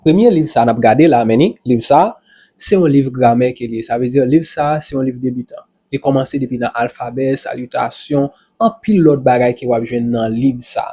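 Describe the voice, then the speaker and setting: A man's voice: mid-range voice, dark tone, slightly rough. Haitian man teaching English pronunciation. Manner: drills words by repeating them slowly, mixing French and Creole. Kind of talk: pronunciation lesson and book promotion.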